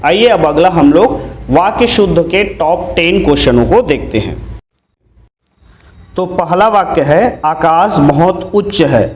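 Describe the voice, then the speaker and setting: A man teaching a grammar lesson, spelling words out letter by letter and repeating each one. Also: fairly high pitch.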